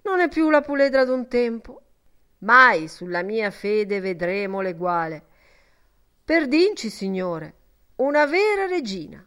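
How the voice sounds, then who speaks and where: A woman's voice: a little high, animated, slow pace, a bit bright, clean tone. A woman reading the part of a jovial male gambler in an audiobook, hearty and exclamatory.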